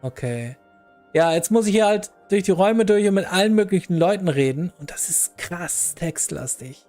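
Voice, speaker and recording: A man commenting casually on a game he is playing, chatty and quick in bursts. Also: high-pitched, lively intonation, a little mellow, soft background music. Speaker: let's player.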